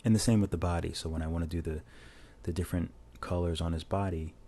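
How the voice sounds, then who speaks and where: A low-voiced illustrator rambles quickly over his drawing, giving a relaxed, casual tutorial voice-over with many restarts. He uses a lavalier mic plugged into a phone.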